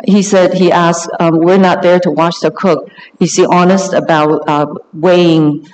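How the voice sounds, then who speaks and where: A man's voice: sits high, level tone, a little mellow, slight background noise. Live interpreter man in a reverberant hall. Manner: halting, with fillers and self-corrections while translating on the spot. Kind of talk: live consecutive interpreting of a sermon. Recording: long reverb of a large hall.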